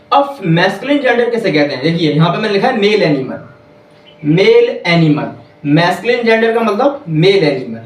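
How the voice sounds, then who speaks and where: A man teaching English grammar in a classroom, repeating each point slowly and quizzing the listeners. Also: high voice. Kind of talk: classroom lesson. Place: classroom with whiteboard. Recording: echoey room, voice from far off.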